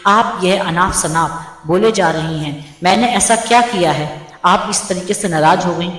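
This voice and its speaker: A woman voicing a gentle young daughter-in-law who pleads softly in a storybook tale. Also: fairly low pitch, measured pace, lightly acted. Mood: pleading. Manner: soft, pleading. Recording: roomy with long reverb.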